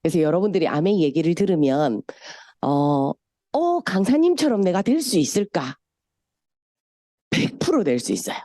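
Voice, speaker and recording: Very animated yet on the low side, this Busan-born speaker uses a Gyeongsang accent as she tells stories at a business seminar, pausing often at normal speed and sometimes imitating voices. The middle-aged woman's warm motivational chat is recorded dry and studio-clean.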